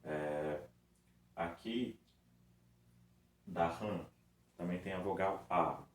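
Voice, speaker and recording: A male teacher with a Brazilian Portuguese accent talks children through a recorded lesson. His voice sits fairly low and he stretches words out patiently, one syllable at a time. The room echoes and there is a faint hiss behind him. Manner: patient, drawn-out syllable-by-syllable demonstration.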